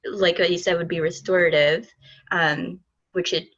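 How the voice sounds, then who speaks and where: On a discussion panel, a woman who is an artist and exhibit lead speaks thoughtfully, with a touch of hesitation. Her lowish voice is fairly bright, with fairly even intonation and a moderate pace, though the recording sounds dull and muffled.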